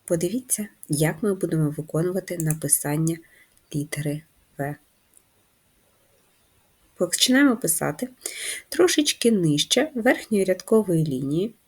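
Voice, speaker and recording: A woman teaching a handwriting lesson to first graders, patient and slow, guiding the children step by step. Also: fairly low pitch, lively intonation, darkish tone, slightly rough. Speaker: primary school teacher.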